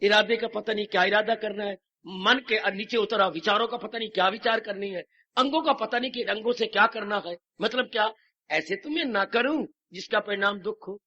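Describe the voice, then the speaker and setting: High-voiced man preaching on dull tape. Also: normal speed, sharp tone. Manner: emphatic, rhetorical questions, mixes in English phrases. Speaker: swami preacher. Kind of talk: devotional sermon. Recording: dull lo-fi 1990s tape recording.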